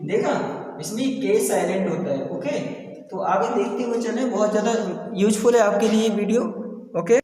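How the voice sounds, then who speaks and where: A man's voice: sits high, moderate pace, a little mellow. A man teaching an English pronunciation lesson, repeatedly quizzing his students and addressing them affectionately as children. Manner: repeats questions to students, calls them beta. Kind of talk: classroom lesson on silent letters. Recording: echoey classroom from far off.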